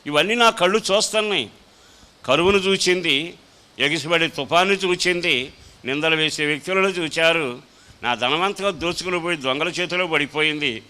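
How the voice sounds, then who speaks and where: A man's voice: fairly high pitch, pushed and bright, smooth. A man, a pastor, preaching a sermon with emphatic repetition and rising conviction. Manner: echoes his own scripture reading line by line.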